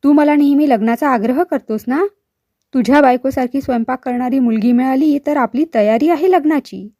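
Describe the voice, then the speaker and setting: A woman's voice: sits high, a little fast, dark tone, no echo. Jolly young man with a grin in the voice, read by a woman, dry sound. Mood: jovial. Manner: cheerful, teasing.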